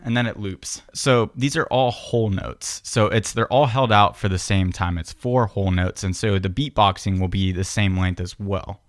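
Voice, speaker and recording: Barely pausing, a man with a fairly low voice speaks at normal speed through a relaxed, step-by-step piano tutorial. The patient piano and beatbox teacher begins many of his sentences with "so" over a background of piano playing.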